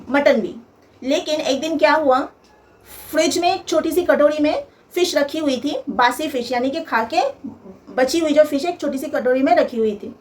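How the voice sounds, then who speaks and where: A young woman vlogger telling a personal story in an emphatic, aggrieved way, piling up lists of complaints. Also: high-pitched.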